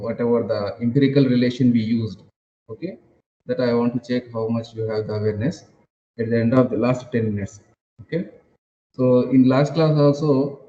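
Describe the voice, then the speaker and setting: A man teaches an engineering class over an online call, heard through a screen recording. His voice is dark and mellow, and his phrasing stops and restarts with repeated words and fillers. The sound is dull, lo-fi and roomy, with faint noise behind. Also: mid-range voice. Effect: screen-recorded online class audio. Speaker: engineering lecturer.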